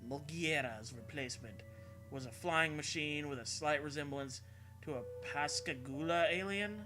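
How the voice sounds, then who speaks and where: A man with a fairly high voice reads a story aloud as host at a moderate pace, over music. His style is comedic and dramatic, broken up by casual, irreverent, sweary asides, and he often bursts out laughing.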